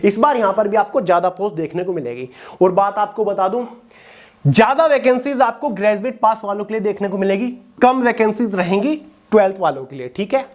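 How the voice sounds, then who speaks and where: A woman's voice: mid-range voice, expressive, brisk, a little mellow. Woman explaining exam updates to students. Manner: direct, checks in with listeners often. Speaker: exam coaching educator. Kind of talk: explanatory talk to exam aspirants.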